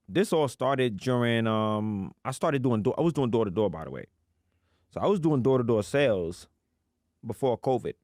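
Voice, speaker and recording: A man from the United States telling his life story on a podcast in an animated, slangy way, acting out the people he quotes. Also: on the low side, dry recording, clean studio sound. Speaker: podcast guest.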